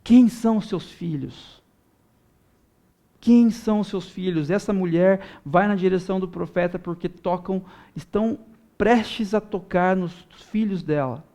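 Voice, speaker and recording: A young male pastor with a notably high voice delivers an earnest sermon for viewers at home. He builds from steady teaching into loud, impassioned pleas. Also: unhurried. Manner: earnest preaching, swelling loud in prayer-like pleas.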